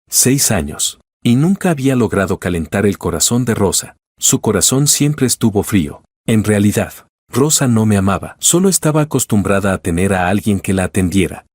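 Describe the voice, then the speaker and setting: A man with a low, somewhat husky voice reads a romance tale in the first person, steady and measured. The sound is close and dry, with no room around it. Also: no echo. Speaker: narrator. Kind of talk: first-person scripted story narration.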